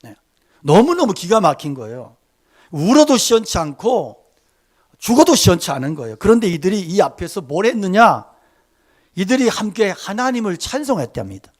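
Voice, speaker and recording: A male pastor delivering a Sunday sermon, moving between quiet, conversational asides and loud, emphatic exhortation. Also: sits high, big pitch swings, normal speed. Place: church.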